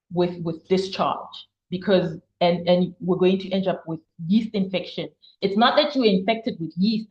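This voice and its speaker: A woman's voice: on the low side, roomy sound, highs cut off. A woman giving health advice in a casual question-and-answer chat, explaining at length and repeating words for emphasis. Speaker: health guest expert.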